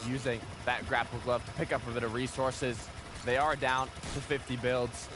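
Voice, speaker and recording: A man's voice: mid-range voice, little pitch movement, normal speed. A man giving live esports play-by-play commentary in short, punchy, suspense-building phrases. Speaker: esports caster. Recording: game gunfire and vehicle noise behind. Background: video game gunfire and ambience.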